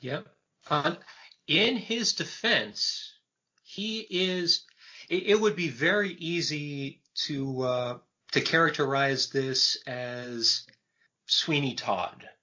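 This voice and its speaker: A man in his fifties co-hosting a film podcast, talking in a measured, thoughtful way with frequent pauses. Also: on the high side, sharp tone. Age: 50s. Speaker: podcast host. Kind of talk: casual film discussion. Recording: dull lo-fi podcast audio.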